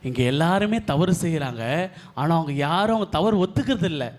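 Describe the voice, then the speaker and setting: A man voicing Jesus in a church puppet show, speaking slowly and gravely like a preacher. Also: a little high, expressive, darkish tone, voice pushed down, lightly acted. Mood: solemn. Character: Jesus, calm solemn male voice from offstage.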